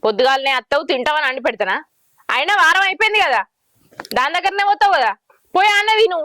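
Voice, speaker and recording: A woman plays a combative village wife, quick and biting. Her voice is high and fast, with a dry, close sound. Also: lively intonation, pushed and bright, dry recording. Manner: combative, sarcastic. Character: defiant sharp-tongued village wife, one of two. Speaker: actor in a village comedy short.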